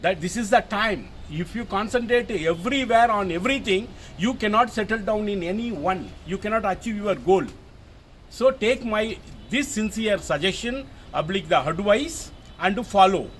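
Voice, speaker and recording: An older man from Tamil Nadu, India, a native Tamil speaker with a Tamil Indian English accent, speaks to the camera as a retired officer, giving emphatic, informal instructions and often repeating himself. His voice sits high and is animated and fairly bright, at a moderate pace. It was captured on a mobile phone camera, with background noise in the recording.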